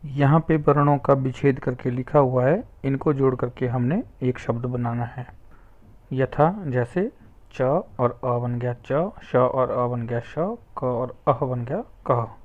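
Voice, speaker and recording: A man's voice: mid-range voice, slow. A man teaching Sanskrit, patiently spelling words out letter by letter. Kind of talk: slow explanatory lesson narration. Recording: tinny phone-like sound.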